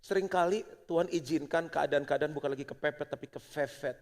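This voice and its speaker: A middle-aged male pastor preaching a sermon, moving between loud exhortation and hushed prayer. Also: fairly high pitch, fairly quick. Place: church auditorium. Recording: long church hall reverb.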